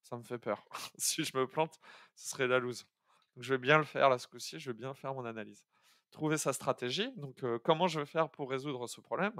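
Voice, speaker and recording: A man's voice: mid-range voice, brisk, fairly bright tone, no room sound, clean studio sound. Chatty French-speaking man thinking aloud. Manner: chatty and hesitant, many fillers and restarts, thinks aloud. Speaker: coding streamer teaching algorithms. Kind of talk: live-streamed coding tutorial.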